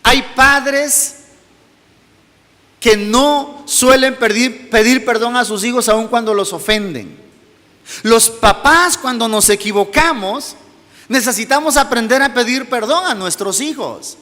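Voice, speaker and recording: Pastor guy preaching, highish voice, soft low storytelling bits, big church echo. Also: slow pace. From Mexico. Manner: storytelling, drops to soft low tones in personal anecdotes. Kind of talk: sermon. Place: church hall.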